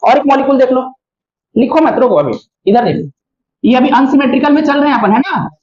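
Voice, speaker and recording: Guy teaching chemistry class, walks through it step by step, keeps checking everyone follows, warm voice, kinda dull recording. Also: very high voice, lively intonation, brisk. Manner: explains step by step, often checks with students. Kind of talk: classroom lecture.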